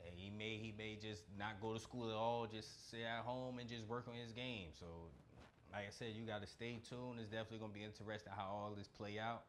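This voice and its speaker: A man's voice: fairly low pitch, little pitch movement, fairly quick, a little hiss or hum. A man co-hosting a podcast, chatting about basketball in a laid-back, slangy way and often hedging his views. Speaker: podcast co-host. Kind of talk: casual sports chat.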